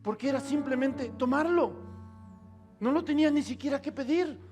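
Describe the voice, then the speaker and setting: A preacher voicing a gentle, tender father. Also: very high-pitched, over music, pitched above the performer's own voice. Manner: soft, slow, tender.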